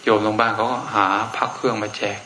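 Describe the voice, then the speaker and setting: Speaking quickly in a fairly low, level voice with a sharp edge, a male Buddhist monk delivers a casual Dharma talk. He's blunt and outspoken, using plain everyday language, and the room echoes with faint noise.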